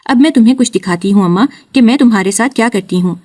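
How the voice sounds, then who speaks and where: A woman voicing a spiteful, hot-tempered young daughter-in-law with a shrill, accusing way of talking. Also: a little mellow, natural voice. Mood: threatening.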